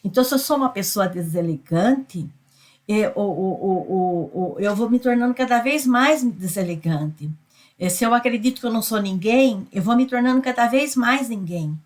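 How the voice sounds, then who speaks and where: A woman's voice: a little high, expressive, moderate pace. Brazilian woman giving a rambling motivational talk. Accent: Brazilian Portuguese. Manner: repetitive, tag questions, many fillers. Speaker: psychoanalyst and spiritual speaker.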